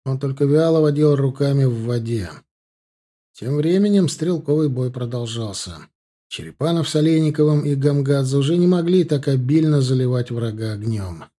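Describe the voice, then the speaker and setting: A man narrating a novel in the first person as an audiobook reader, in a steady, measured way. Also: mid-range voice.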